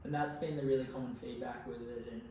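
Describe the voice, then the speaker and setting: Recorded on a far-off mic in a very echoey, noisy room, a twenty-something Australian guest from Queensland chats easily on a podcast, slangy and sweary. His mid-range voice is mellow and flat, and he talks fast.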